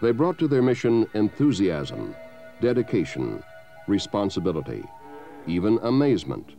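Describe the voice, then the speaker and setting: A man giving measured, solemn scripted narration for a documentary. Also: fairly low pitch, wildly swooping pitch, vocal fry, mellow. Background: music.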